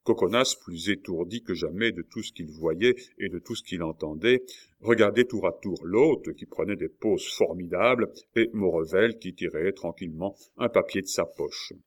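A man narrating a novel as an audiobook reader, in a steady, measured way. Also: low voice.

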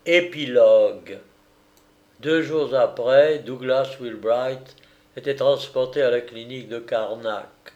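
A man narrating an audiobook of an old detective novel in a slow, deliberate reading voice. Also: mid-range voice, a little mellow, lo-fi sound.

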